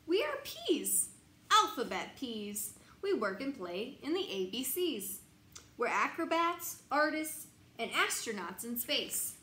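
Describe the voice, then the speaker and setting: Reading a picture book aloud at bedtime, this young woman keeps her voice high and her pace slow, emphasizing words teacher-style with a sing-song, expressive lilt. The small glassed-in sunroom sounds noticeably echoey, she's recorded from a bit of a distance, and there's light background noise.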